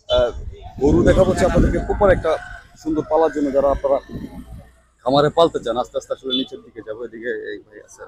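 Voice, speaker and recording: A man hosts a market vlog outdoors, speaking slowly and softly as he haggles with sellers and talks to viewers. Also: medium pitch, breathy edge. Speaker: market vlogger host. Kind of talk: walking vlog, bargaining and addressing viewers.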